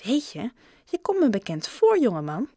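A woman's voice: wildly swooping pitch, normal speed, mellow, no echo, heavily acted. Lady doing a pushy shopkeeper guy from a storybook, chatty salesy patter, dry close sound. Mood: eager salesman. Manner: eager, sales-pitch patter.

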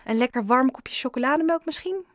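A woman voicing a kind, gentle grown-up shopkeeper in an audiobook, coaxing and caring. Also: sits high, fairly quick, no echo, studio quality, voice pushed up. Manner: gentle, coaxing, sometimes lively. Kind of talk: audiobook character reading.

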